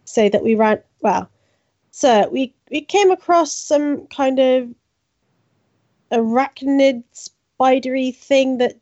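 A woman's voice: high-pitched, slow pace, mellow, dry recording. A woman player in a tabletop game, speaking in a playful way. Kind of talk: tabletop role-play chat. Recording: dull, dry lo-fi mic.

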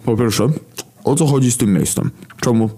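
A man shouting as furious horseman Famine. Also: medium pitch, moderate pace, voice pushed up, lightly acted. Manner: shouting, swearing. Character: furious male horseman Famine, loud and crude.

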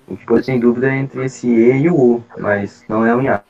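A man's voice: mid-range voice, steady tone, brisk, a little mellow. A man, leading a study group and patiently explaining exam questions step by step over a video call. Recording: dull lo-fi call audio.

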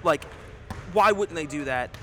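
Bright-voiced joking man in a gym. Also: a little high, lively intonation, a little slow, slight background noise. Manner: loose and joking, swears freely. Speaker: podcast co-host. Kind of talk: casual sports banter. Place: high school gym at a basketball tournament.

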